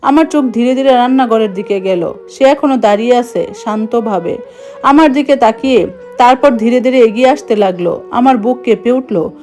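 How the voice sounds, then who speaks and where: A woman telling a suspenseful first-person story in an even, hushed narrating voice. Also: on the high side, moderate pace, soft background music.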